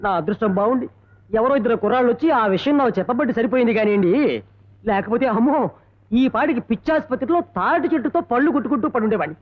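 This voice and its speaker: Whiny old schoolteacher, super high and rushed, muffled old movie sound. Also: male voice. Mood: indignant. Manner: complaining, theatrical exaggeration. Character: fretful old village schoolmaster. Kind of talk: 1980s film comedy dialogue. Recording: dull lo-fi old film soundtrack.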